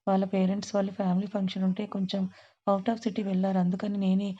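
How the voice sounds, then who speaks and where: A woman reading the lines of a composed middle-aged mother who answers smoothly and without hesitation. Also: mid-range voice, little pitch movement, fast, warm tone, dull audio, lightly acted. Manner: smooth and unhesitating.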